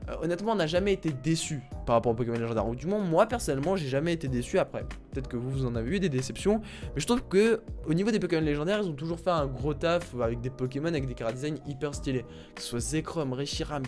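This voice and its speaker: A man's voice: on the high side, a little mellow. A young man talking casually about video game rumors, rambling with many fillers and repeated words. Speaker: gaming YouTuber.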